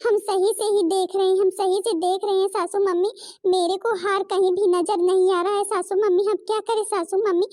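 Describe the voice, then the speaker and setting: A woman's voice: very high-pitched, level tone, normal speed, hardly any pauses, a little mellow, no echo, studio quality. A woman voicing an anxious young daughter-in-law in a cartoon, pleading and flustered. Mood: worried.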